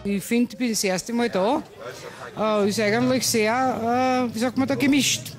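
A woman's voice: fairly high pitch, steady tone, a little slow. An older woman with an Austrian accent giving hesitant vox-pop answers into a reporter's microphone outdoors. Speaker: market visitor. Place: outdoor market seating. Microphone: handheld reporter microphone. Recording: music behind outdoor interview.

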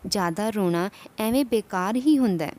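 A woman voicing a calm wise male saint. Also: high-pitched, moderate pace. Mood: admonishing. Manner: calm, instructive, preaching.

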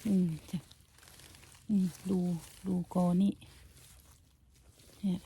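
A woman from Surin with a northeastern Thai accent and a native Khmer background, a little hoarse, murmuring casual asides while foraging outdoors. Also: drawn-out words. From Surin, northeastern Thailand. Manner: soft, murmured asides to viewers. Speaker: mushroom-foraging vlogger. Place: outdoors in a forest and on a lawn.

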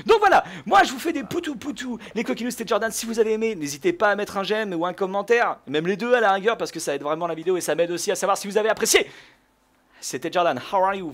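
A young man giving casual gameplay commentary, chatting to viewers and bursting into angry shouts when he loses. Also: high-pitched. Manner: excitable, bursts into rage shouts. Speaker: gaming YouTuber.

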